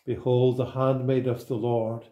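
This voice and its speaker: A man leading a sequence of liturgical prayers in a slow, solemn, even recitation. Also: mid-range voice, echoey room, dull audio. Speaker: prayer leader.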